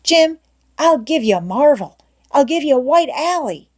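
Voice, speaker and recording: Woman playing a young boy, higher pitched, eager, wheedling, folksy, storybook character. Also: lively intonation, moderate pace. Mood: breezy, persuading. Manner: coaxing, breezy, folksy rural speech.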